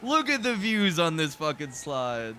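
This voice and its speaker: A man doing casual, excitable gameplay commentary, joking and swearing freely as he tours his theme park. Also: fairly high pitch, measured pace, a little hiss or hum. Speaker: streamer showing a theme park build.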